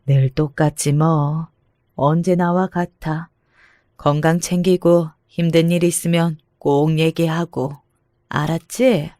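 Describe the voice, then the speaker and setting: A devoted middle-aged mother, as a woman reader puts her on, speaks slowly and fretfully, her worry for her children always close to the surface. The voice is dry and near the mic, with no room sound. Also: low voice, steady tone, no room sound. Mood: tender. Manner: slow, gentle, fretting.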